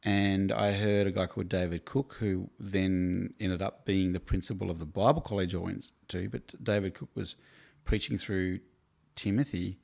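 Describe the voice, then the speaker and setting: A very low-voiced Australian man from Tasmania, in his forties, talks with a gravelly edge. He tells stories from his own life as an interview guest in a chatty, self-deprecating way, laughing as he goes. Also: fairly even intonation, moderate pace, a little mellow. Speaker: campus ministry worker, guest. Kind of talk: casual interview storytelling.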